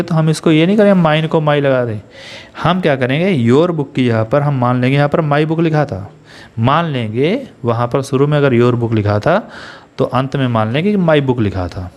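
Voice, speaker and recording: A man's voice: a little high, a little mellow. Indian guy teaching english grammar, goes step by step, keeps asking the class questions. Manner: explains step by step, asks students questions. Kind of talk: Hindi-English grammar lesson.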